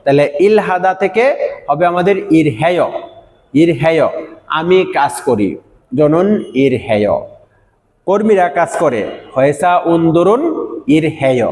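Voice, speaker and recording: Echoey man teaching vocabulary slowly. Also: on the high side, lively intonation, darkish tone. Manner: slow drilled repetition of words. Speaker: language teacher. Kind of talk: textbook vocabulary lesson. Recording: echoey room with long reverb.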